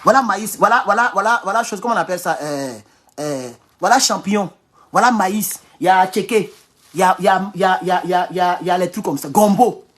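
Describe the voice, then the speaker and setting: A man from Ivory Coast with an Ivorian French accent, giving an animated, casual political monologue at home, repeating phrases and chuckling often. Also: high-pitched, fast talker, faint music behind. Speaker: political commentator. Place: at home in his kitchen.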